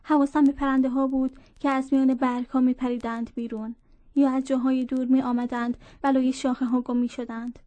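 A woman reading a story aloud in a measured narrating voice, speaking dialogue within the tale. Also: sits high, level tone, mellow, no echo. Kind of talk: audiobook narration.

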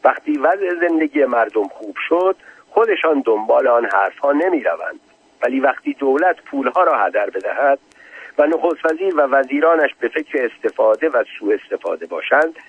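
A man reading the lines of a decisive, commanding middle-aged army general in a curt manner, with a husky voice on a tinny recording. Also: mid-range voice, very animated, full character voice.

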